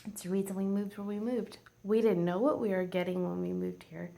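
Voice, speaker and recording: A woman in her forties, a home vlogger chatting casually, rambling and heartfelt and teary, often dropping to a soft near-whisper. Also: mid-range voice, fairly even intonation, fairly quick, gravelly. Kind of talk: casual chat.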